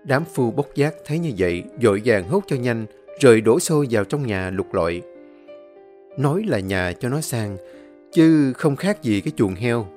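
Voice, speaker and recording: A man narrating a story in an expressive, varied way. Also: mid-range voice, normal speed, faint music behind.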